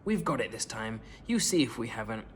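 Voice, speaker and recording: A man voicing an eager, bossy father who speaks gruffly and impatiently. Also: medium pitch, very animated, fairly quick, a little hiss or hum, pitched below the performer's own voice, lightly acted.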